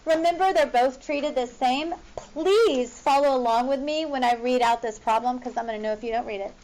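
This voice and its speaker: A woman's voice: sits high, moderate pace, a little mellow, low-quality recording. A woman teacher talking to her class in an informal, directive way as she works through math examples. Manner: informal, directive, checking students follow along.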